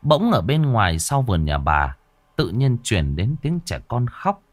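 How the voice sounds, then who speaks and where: A man narrating a ghost story in a dramatic, lively way. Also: mid-range voice, measured pace, no room sound.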